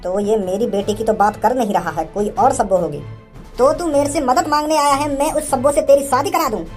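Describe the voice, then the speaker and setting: A stern, short-tempered village father talks down to a young suitor, mocking him one moment and threatening him the next in rustic speech, as a woman acts him out. The voice sits high, and faint music plays behind it in this comedy sketch. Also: a little fast, close to an everyday voice.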